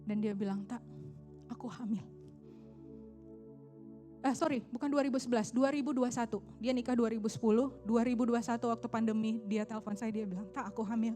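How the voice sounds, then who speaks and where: A woman's voice: fairly high pitch, mellow. A middle-aged woman preaching a sermon, telling a personal story with emotion and changing tones for the people she quotes. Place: church stage.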